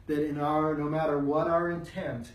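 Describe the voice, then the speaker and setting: A man's voice: a little high, flat delivery, moderate pace. A man teaching a Bible study, driving his points home through repeated phrases. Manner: emphatic, repeats phrases for weight. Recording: roomy sound from a distant mic.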